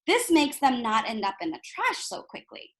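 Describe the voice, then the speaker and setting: Speaking at a moderate pace in a high-pitched voice, this woman reads aloud from a picture book for young children in a teacherly way. She's animated and instructive, full of explanatory asides and rhetorical questions aimed at her listeners.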